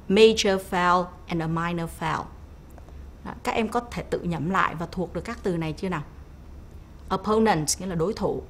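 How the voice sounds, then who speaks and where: Vietnamese-accented woman teaching English slowly. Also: on the low side, slight background noise. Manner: slow clear English drills, quicker asides. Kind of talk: bilingual classroom lesson on TV.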